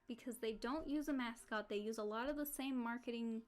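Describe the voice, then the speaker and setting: Rambling woman streamer, slightly high voice. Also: brisk. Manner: rambling, full of "like" and restarts. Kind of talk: casual stream chat while drawing. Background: faint background music.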